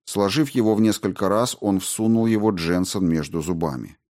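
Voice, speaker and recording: Male narrator, scripted narration, lowish pitch, measured delivery. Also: darkish tone. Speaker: audiobook narrator.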